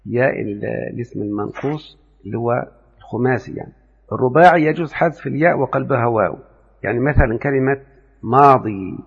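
A man's voice: medium pitch, gravelly, slightly rough. A man from Upper Egypt with an Egyptian Arabic accent, lecturing on Arabic grammar and explaining step by step while quizzing his students. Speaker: grammar teacher. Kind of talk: classroom lecture on Arabic morphology. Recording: phone-like audio with long reverb.

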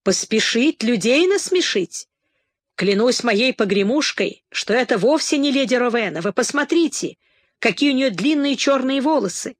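A woman reading the lines of a quick-witted male jester who pleads and teases with proverbs in an audiobook. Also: on the high side, lively intonation, no echo, studio quality. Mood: teasing.

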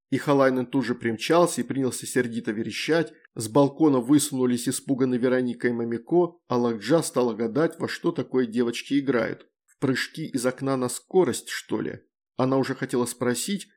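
A man narrating a fantasy audiobook in an even, measured way. His mid-pitched voice carries a steady gravelly creak. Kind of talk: scripted narration.

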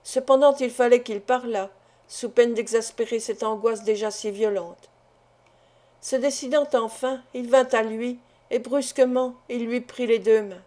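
A woman reading a classic novel aloud as narrator, in a measured, clear way, voicing the dialogue without separate character voices. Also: on the high side, steady tone, a little mellow. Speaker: audiobook reader.

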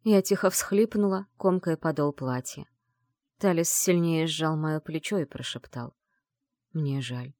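A woman's voice: deep voice, measured pace, darkish tone, dry recording, studio quality. A woman narrating an audiobook in the first person, reading in an earnest, heartfelt way.

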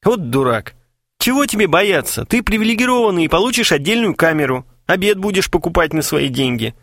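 A man's voice: high voice, very animated, brisk, a bit bright, no echo, pitched above the performer's own voice, exaggerated voice. A cool young schemer teases and lectures in a dry, matter-of-fact tone, as a male reader puts him on. His voice sits a little raised and moves about a lot. The sound is close and dry. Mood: mocking. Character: cool, mocking young man, scheming prankster.

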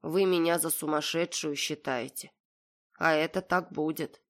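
A woman voicing a stubborn young girl who speaks in a flat, indifferent monotone. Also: sits low, unhurried.

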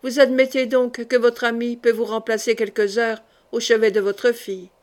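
A woman's voice: fairly high pitch, level tone, normal speed, lightly acted. A woman reading the part of a stern, commanding male sorcerer in an audiobook, speaking with grave authority.

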